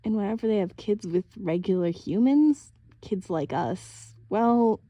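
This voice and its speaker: A woman's voice: mid-range voice, expressive, unhurried, warm tone, dry recording. Lady doing a tough no-nonsense teen girl, blunt and clipped. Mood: earnest.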